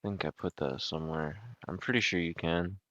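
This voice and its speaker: Deep-voiced joking game master, man. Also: fairly even intonation, brisk, a bit bright, no echo, highs cut off. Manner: hesitant, full of ums, joking sports-style commentary. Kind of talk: narrating a tabletop game.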